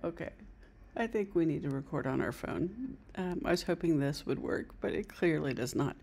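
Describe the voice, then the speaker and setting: A woman's voice: deep voice, lively intonation, normal speed, creaky, a little mellow, breathy edge. A middle-aged woman chatting casually with a puppet at close range in a living room. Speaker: amateur ventriloquist. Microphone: device camera at close range.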